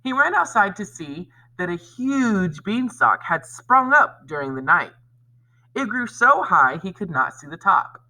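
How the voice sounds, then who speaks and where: In a low-quality recording, a man teaching elementary students presents a lesson and reads aloud to them. He speaks unhurriedly in a sing-song, bright, forward voice whose pitch moves freely, addressing the kids expressively and directly.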